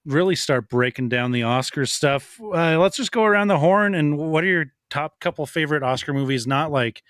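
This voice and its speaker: A man's voice: on the high side, moderate pace, fairly bright tone, no room sound. A man hosting a casual live-streamed movie podcast, talking in a loose, rambling way and laughing easily. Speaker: podcast host.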